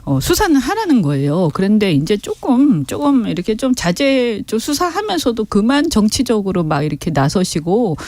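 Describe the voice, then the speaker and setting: A woman's voice: medium pitch, very animated, moderate pace, hardly any pauses, a little mellow, no echo. A woman guest on a radio talk show, giving frank, critical political commentary with emphasis. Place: radio studio. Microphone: studio mic.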